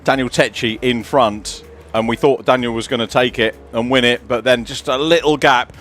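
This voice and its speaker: Co-commentator, man, conversational, excitable on replays, light music under. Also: medium pitch, moderate pace. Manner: chatty, excited over replays. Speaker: race co-commentator. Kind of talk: motorsport commentary.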